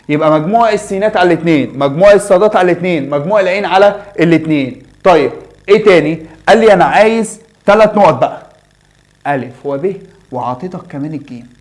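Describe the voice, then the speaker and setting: Fast-talking Egyptian man teaching math. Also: a little high. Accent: Egyptian Arabic. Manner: chatty, asks and answers his own questions. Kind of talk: whiteboard math lesson.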